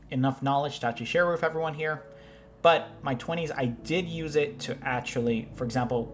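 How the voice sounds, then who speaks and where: Male host in his thirties, mid-pitched, rambling reaction commentary, faint music underneath. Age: 30s. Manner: rambling, with frequent restarts and fillers. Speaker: host reacting to finance videos. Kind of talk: casual commentary.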